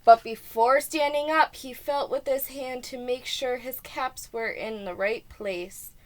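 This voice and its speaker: A preschool teacher, female, reads a kids' story out loud and breaks in with side comments. Her voice sits high, and her delivery is deliberate and expressive, with emphasis on key words.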